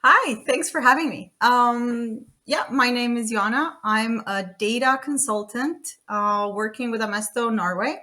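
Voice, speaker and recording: The Romanian podcast guest, a data consultant in her thirties, talks casually and chattily with frequent laughter, fillers and restarts. Her fairly high, sharp voice moves a little slowly yet with hardly any pauses.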